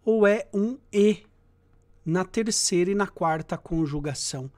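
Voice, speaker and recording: Slow, deliberate male Latin teacher. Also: high voice, a little mellow. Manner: recites verb endings in a chant. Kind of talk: explanatory lecture.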